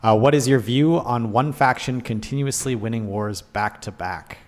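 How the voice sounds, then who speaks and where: A man's voice: medium pitch, moderate pace, a little mellow, long reverb tail. A man hosting a game stream, reading community questions aloud in a light, joking way. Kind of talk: casual panel chat.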